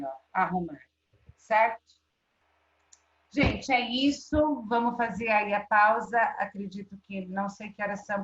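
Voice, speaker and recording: A woman teacher with a Brazilian Portuguese accent giving a live online class, checking in with students often. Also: medium pitch. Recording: roomy, dull lo-fi sound.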